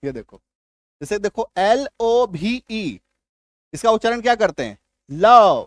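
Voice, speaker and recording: A man teaching an English reading lesson in a classroom style, slowly drilling pronunciation and often asking if it is clear. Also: high-pitched, big pitch swings, darkish tone, no room sound, studio quality. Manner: keeps checking understanding with questions.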